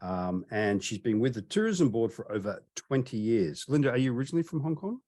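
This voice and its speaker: A man's voice: mid-range voice, sing-song, a little fast, dark tone. A man hosting a travel webinar over a video call, chatty and friendly, with frequent ums and restarts. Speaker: webinar host.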